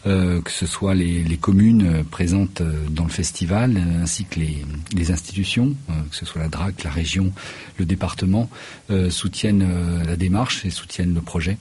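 A man with a very low voice talks through a radio studio interview, halting often and restarting his sentences. His tone is dark and husky, and he pauses a lot as he lays out his work as a choreographer and festival director. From Paris region, France. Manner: hesitant, many fillers and restarts.

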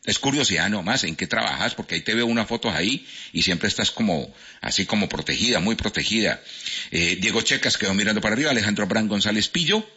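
Lively, playful man from Cali on radio. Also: lowish voice, quick pace, breathy edge. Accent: Colombian, Cali. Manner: playful, teasing, animated. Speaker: radio host. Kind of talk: live radio quiz chat. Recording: lo-fi radio broadcast.

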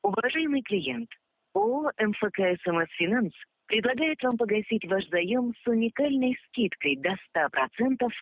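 A woman's voice: on the high side, no echo. A woman delivers a scripted company announcement in a formal customer service voice. The sound is a narrow, tinny phone line with a dry, close feel.

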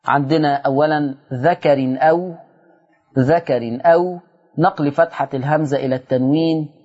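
A man with an Egyptian accent teaching Quran recitation on a broadcast lesson, explaining rules briskly and stretching out example words slowly. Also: fairly high pitch, steady tone, darkish tone, slightly rough, highs cut off. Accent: Egyptian Arabic.

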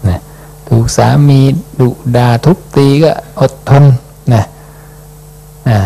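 With a medium pitch and a breathy edge, a monk gives an unhurried dhamma talk, reading scripture aloud and explaining it. His phrases close on a soft questioning particle.

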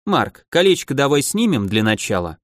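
A man voicing a cold archmage who coaxes his victim gently and without feeling. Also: medium pitch, sing-song, moderate pace, no echo, clean studio sound, lightly acted. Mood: soft menace. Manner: softly coaxing, indifferent menace. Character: cold, menacing male archmage, calmly cruel.

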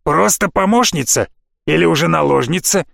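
A man doing a gravelly, furious assassin. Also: fairly high pitch, normal speed, dry recording, studio quality. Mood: enraged. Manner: shouting, rough and aggressive. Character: furious young male assassin, blunt and sarcastic.

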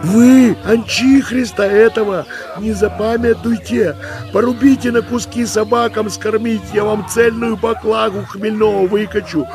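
Audiobook role: a shrill old peasant wife, wailing and cursing her husband, music underneath. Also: fairly even intonation, unhurried. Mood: lamenting. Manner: shrieking, scolding, lamenting. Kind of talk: audiobook character voice. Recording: music playing behind.

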